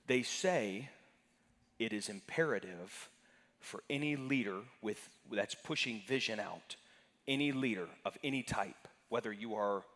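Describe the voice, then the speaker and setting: The reverberant sanctuary carries the fairly low, fairly bright voice of a male pastor leading an interactive Sunday class. He keeps it conversational and calls on members of the congregation by name.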